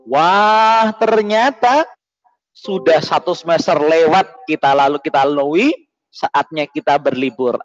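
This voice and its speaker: At a school holiday event, a man presents to schoolchildren in a playful, joking way, teasing them and firing off call-and-response questions. His voice is high-pitched, and the recording is dull, lo-fi, and dry.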